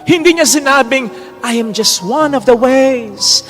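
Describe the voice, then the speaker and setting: A man, a priest preaching a sermon in an animated way, often jumping into quoted voices and mixing in English. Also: extremely high pitch, a little slow, in a large hall, soft background music.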